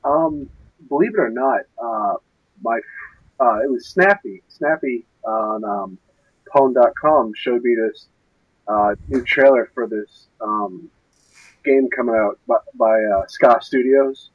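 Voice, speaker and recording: A man's voice: mid-range voice, slow, breathy edge, no echo, lo-fi sound. A young man co-hosting a casual gaming podcast, rambling and searching for words with frequent fillers. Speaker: podcast co-host.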